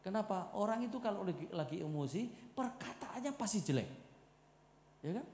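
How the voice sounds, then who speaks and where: A middle-aged man preaching a marriage seminar sermon, joking, loud and animated, calling for amen. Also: high voice, moderate pace. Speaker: pastor. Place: church hall. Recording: echoey church hall with long reverb.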